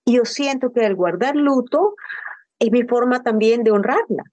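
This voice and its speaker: A woman's voice: on the high side, animated, normal speed, darkish tone, dull audio. An older woman speaking as a grief counselor in an interview, earnest and personal, often asking rhetorical questions. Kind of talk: reflective interview talk.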